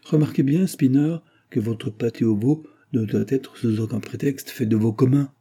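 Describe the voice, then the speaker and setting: A man reading an audiobook and voicing a pompous, lecturing brewer's clerk who talks loudly and emphatically. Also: mid-range voice, moderate pace, husky, pitched above the performer's own voice, natural voice. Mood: emphatic. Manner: lecturing, self-important, emphatic.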